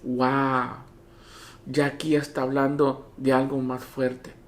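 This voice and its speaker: A pastor preaching a Spanish-language sermon from a home church. The pastor talks in a lively way, acts out Bible dialogue and keeps asking the listeners whether they follow. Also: mid-range voice, slow. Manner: animated, repeats "¿me entienden?" to the congregation.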